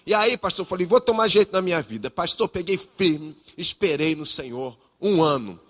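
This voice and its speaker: A male preacher voicing a chatty young female makeup artist, talking in a loud, breathless, confessional rush. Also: fairly low pitch, lively intonation, normal speed.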